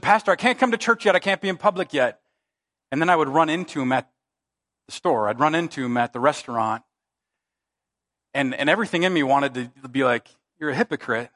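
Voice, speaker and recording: Emphatic preaching man, raised pitch. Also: a bit bright. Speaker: pastor. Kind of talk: sermon. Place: church sanctuary.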